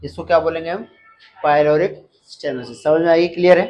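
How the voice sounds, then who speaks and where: A man's voice: on the high side, brisk, a little mellow, muffled recording. A man teaching a live class, lecturing and asking the students questions again and again. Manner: asks the class questions and repeats key terms. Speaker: nursing exam teacher.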